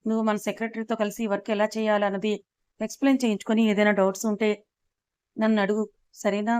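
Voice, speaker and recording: A stern young male boss barks short orders in a storybook tale, put on by a woman narrator. The voice stays smooth and even in pitch, and the recording is dry and close. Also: quick pace, no echo, close to an everyday voice. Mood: commanding. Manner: curt, commanding.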